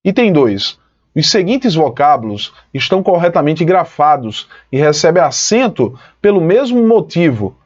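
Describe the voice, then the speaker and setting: Lively teacher man, dull lo-fi sound. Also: on the high side, normal speed. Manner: lively, explanatory, addresses students as "pessoal". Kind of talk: online exam-prep lesson.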